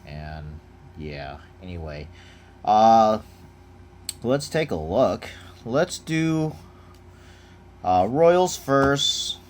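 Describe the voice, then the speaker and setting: Talking extremely slowly and leaving long pauses, a young card collector with a lowish voice unboxes trading cards at home. His chat is relaxed and rambling, packed with fillers. Packaging crinkles behind him in this noisy home recording.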